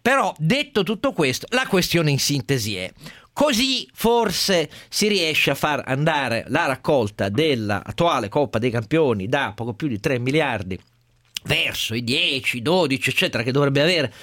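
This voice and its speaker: Male radio host. Off-the-cuff news commentary, halting delivery with punched key words, close dry sound. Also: a little high, very animated, fairly bright tone, dry recording.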